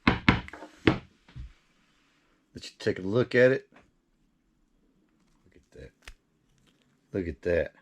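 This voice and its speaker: A man with a fairly low voice hosts a home recipe video. He talks in a casual, folksy way as he works through the steps, chatting partly to the viewer and partly to himself. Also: expressive, extremely slow, pauses often, fairly bright tone. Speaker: cooking video host.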